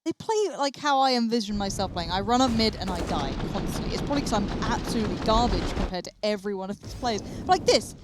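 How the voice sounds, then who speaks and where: A woman's voice: medium pitch, fast, hardly any pauses, very noisy. A woman with a British accent, hosting and chatting expressively on an esports broadcast. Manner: expressive, swings to exclamations. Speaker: esports host. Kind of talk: casual broadcast chat.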